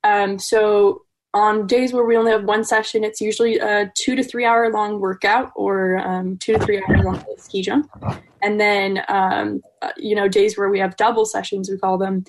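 A woman's voice: mid-range voice, level tone, normal speed, low-quality recording. Woman, twenties, from Wisconsin, hesitant, filler-heavy interview answers. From Wisconsin, USA. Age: 20s. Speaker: guest athlete.

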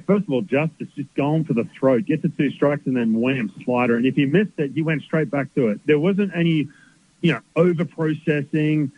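Husky Australian man on a phone line. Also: a little high, no echo. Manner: excited, chatty, quick to laugh. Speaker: baseball analyst guest. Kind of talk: sports radio chat. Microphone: phone call.

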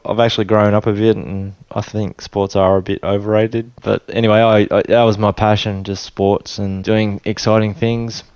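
A man in his forties with an Australian accent, a guest telling his life story in a relaxed, rambling way full of restarts. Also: fairly low pitch, normal speed, hardly any pauses, clean tone, dry recording, muffled recording. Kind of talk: casual storytelling interview. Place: his home.

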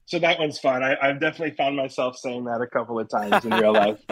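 A man's voice: mid-range voice, level tone, fast talker, a bit bright, breathy edge, no echo, poor audio. A man with a New England accent, a stage actor chatting as an interview guest, explaining with lots of fillers and restarts. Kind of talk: casual interview answers.

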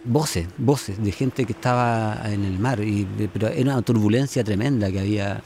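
A man who lives on an island, recalling events slowly and gravely in an interview. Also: lowish voice, dark tone, slight background noise. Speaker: island resident. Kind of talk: interview recollection.

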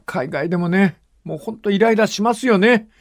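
An older man hosting a radio talk show, reading listener letters and telling stories with lively dialect voices. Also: high-pitched, a little fast. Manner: lively storytelling, acting out dialect dialogue. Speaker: radio host.

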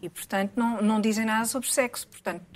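A woman's voice: fairly high pitch, fast. Dry-witted Portuguese woman co-host. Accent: European Portuguese. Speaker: talk show co-host. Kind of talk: casual panel chat.

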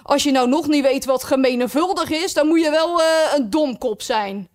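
A woman voicing a gruff, impatient male griffin who talks in a brusque, bossy way. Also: high voice, normal speed, a little mellow, voice pushed up, close to an everyday voice.

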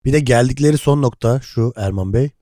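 A man co-hosting a podcast, riffing jokes in quick casual banter. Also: mid-range voice, mellow, no room sound, studio quality. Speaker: podcast co-host. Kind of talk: casual comedic chat.

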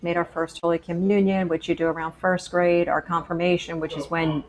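Her delivery flat and brisk, her voice on the low side, a Pennsylvania woman gives personal testimony as a faith show guest. She tells her story earnestly through anecdotes, often restarting and repeating words.

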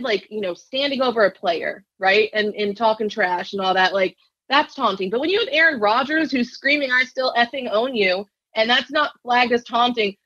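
A woman guest on a sports podcast, speaking conversationally with halting restarts and a tone of disbelief. Her voice comes through a dull, lo-fi line, and it is close and dry with no room sound. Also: a little high, a bit bright, no echo. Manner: conversational, many fillers and restarts, incredulous. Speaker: managing editor, podcast guest. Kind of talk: casual sports talk.

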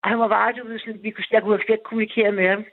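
A woman's voice: mid-range voice, little pitch movement. A woman in her fifties telling a long personal story on a call-in radio show, rambling, with many restarts and fillers. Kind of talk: casual phone-in storytelling. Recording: tinny phone line, dry.

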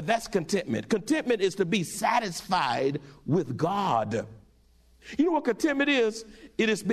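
A middle-aged male pastor preaching a sermon with animated call-and-response to his congregation. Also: sits high.

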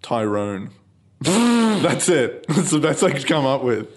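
A man's voice: mid-range voice, sing-song, takes it slowly. A man, co-hosting a comedy podcast in a casual joking chat. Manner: joking, acts out silly voices, laughs often. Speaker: podcast co-host.

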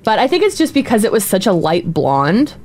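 A woman's voice: medium pitch, big pitch swings, fairly quick, a little mellow. A young woman chatting on a podcast, upbeat and playful, laughing easily. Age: young adult. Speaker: podcast panelist. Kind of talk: casual chat.

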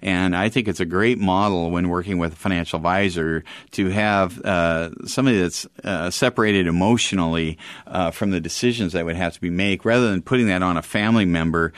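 A man's voice: low-pitched, fairly quick, clean tone, dry recording, studio quality. A man talking as a financial advisor on a radio show, explaining things in plain conversational terms.

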